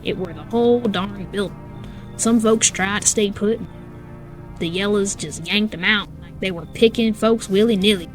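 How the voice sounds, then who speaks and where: A woman voicing a folksy, motherly country woman refugee in a put-on Southern country accent, drawling and quiet. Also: mid-range voice, normal speed, soft background music, lightly acted. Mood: folksy, pleading.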